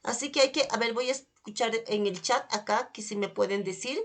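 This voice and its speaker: Woman, fairly high voice, workshop facilitator, coaxing and repetitive, guiding questions, live online session. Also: fairly quick. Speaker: holistic therapy facilitator.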